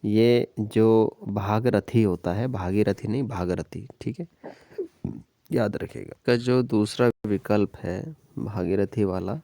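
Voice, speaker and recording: Male tutor, low mellow voice, exam-prep language lesson, steady explanatory delivery with frequent check-ins. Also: takes it slowly, creaky, no room sound. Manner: explains step by step, repeats "ठीक है" and "याद रखिएगा". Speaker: teacher.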